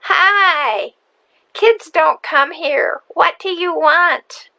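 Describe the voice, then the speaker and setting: A woman voicing a cackling, wrinkled old woman whom children take for a witch, speaking high and drawn out. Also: extremely slow, gravelly, pushed and bright, full character voice. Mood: gruff.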